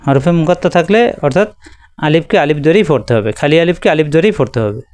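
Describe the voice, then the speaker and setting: A man with a Bangladeshi Bengali accent teaches a Quran reading lesson step by step, patiently repeating each letter. His voice is somewhat high and very smooth. It is recorded close and dry, with no room sound. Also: big pitch swings, fast, darkish tone, no echo.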